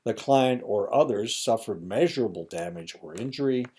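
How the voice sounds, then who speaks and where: Low mellow-voiced male lecturer. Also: lively intonation, normal speed. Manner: reads points aloud with asides and fillers. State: dry throat, voice cracking. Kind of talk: recorded lecture reading slides.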